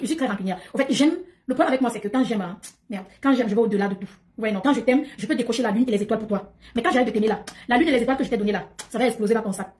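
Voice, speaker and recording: A woman hosting a casual livestream chat in an emphatic, talkative way, often repeating her phrases. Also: on the high side. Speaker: livestream host.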